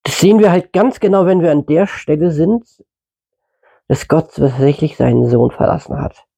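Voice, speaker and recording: Mellow, husky man teaching scripture. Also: on the high side, moderate pace. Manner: conversational, uses fillers, corrects himself mid-sentence. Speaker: preacher. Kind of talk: informal Bible teaching.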